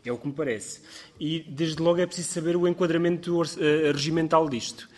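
A man's voice: on the high side, fairly even intonation. A man with a European Portuguese accent, a member of parliament, debating in committee and thinking aloud. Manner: quick, thinking aloud, self-correcting.

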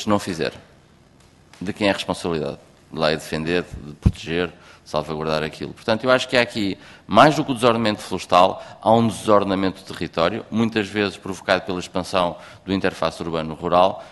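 Man with a very deep, gravelly voice arguing a point at a hearing. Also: a bit bright. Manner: deliberate, argumentative, posing questions. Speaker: participant at a hearing. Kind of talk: formal argued statement. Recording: long hall reverb.

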